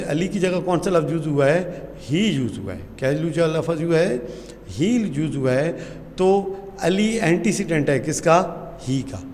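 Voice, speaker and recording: A man with a Pakistani Urdu accent teaches a grammar class in a slightly high voice. He asks the class questions and answers them himself, and reads English sentences out slowly. The sound carries a long hall reverb with a faint hiss behind it. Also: a little mellow.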